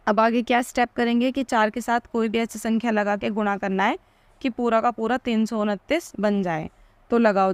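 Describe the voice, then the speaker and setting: A woman's voice: on the high side, no room sound. Woman explaining maths step by step. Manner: asks questions and answers them herself. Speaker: maths teacher.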